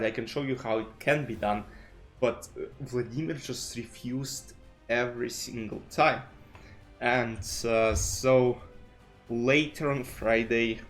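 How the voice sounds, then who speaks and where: In a mid-range, fairly bright voice, a male chess streamer with Russian as his mother tongue rambles through a casual commentary vlog. Restarts and "you know" crop up constantly. He's set up at his home streaming desk with a desk mic and webcam.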